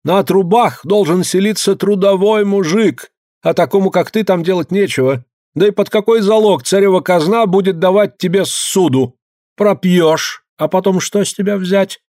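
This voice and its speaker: A man's voice: sits high, normal speed, a little mellow, no echo, clean studio sound, voice pushed up, natural voice. A man voicing a haughty male official who declaims to peasants in an audiobook. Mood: pompous. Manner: pompous, declaiming.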